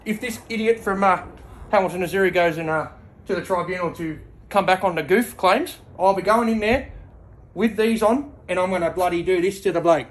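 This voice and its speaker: A man playing a crude, brazenly corrupt football coach in a mock interview, talking haltingly and deadpan. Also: sits high, a little hiss or hum, close to an everyday voice.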